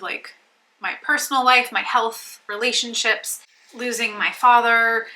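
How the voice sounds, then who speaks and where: A woman talks into her camera at home with a very bright, sharp voice. She is reflective and rambling, circling back and restarting her thoughts as she goes. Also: medium pitch, rough recording. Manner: reflective, rambling, self-interrupting. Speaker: beauty vlogger. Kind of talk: candid talk to camera. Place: home, kitchen noise nearby.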